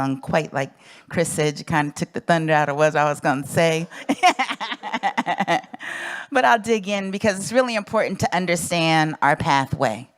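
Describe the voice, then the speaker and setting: A woman's voice: sits low, no room sound. A middle-aged woman from South Central Los Angeles giving an earnest, emphatic prepared speech as an invited advocate.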